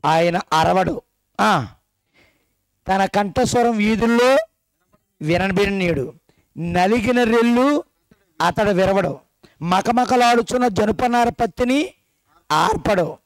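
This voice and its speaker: A man with a fairly high voice delivers a sermon at a church gathering. He keeps throwing questions at his listeners and teases them along the way. The recording is dry and close, with little room sound. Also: slow, pauses often, dry recording. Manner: questions the congregation directly and teasingly. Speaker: preacher. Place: church meeting hall.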